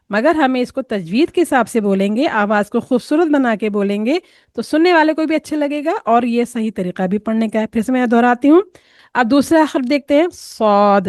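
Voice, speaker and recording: A woman's voice: a little high, darkish tone, no room sound, clean studio sound. Woman teaching careful Quran pronunciation. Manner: patient, explains step by step and models sounds slowly; mixes English words into her teaching. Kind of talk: tajweed pronunciation lesson.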